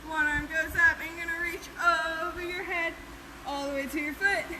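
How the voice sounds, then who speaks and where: A woman with a high voice instructs a gymnastics stretching class on a live stream. She is casual and encouraging as she gives directions and counts. The recording has clear background noise. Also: moderate pace, reverberant. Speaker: gymnastics coach. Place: gym floor with fans. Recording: noisy live-stream audio with steady background hum.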